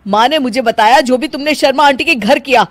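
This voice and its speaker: A woman voicing a tired, irritated young husband in a low, put-upon voice. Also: a little fast, no echo, close to an everyday voice.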